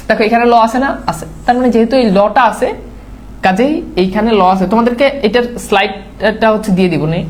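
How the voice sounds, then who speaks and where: A woman's voice: a little high, a little mellow, a little hiss or hum. Woman tutor explaining step by step. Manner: explains step by step, keeps checking understanding with tag questions; mixes English words into her talk. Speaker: admission exam tutor. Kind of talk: online lecture over slides.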